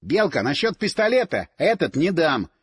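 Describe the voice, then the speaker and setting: A man's voice: a little high, big pitch swings, normal speed, husky, heavily acted. A man voicing a confident young man explaining matters in a self-assured way, in an audiobook. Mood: lecturing. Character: confident young man, lecturing about guns.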